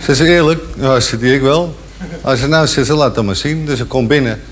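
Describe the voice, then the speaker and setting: A man's voice: mid-range voice, brisk, a little hiss or hum. A man telling jokes and acting out the characters with voices that jump up and down. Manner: acts out the characters, shifting his voice up and down. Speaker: joke teller.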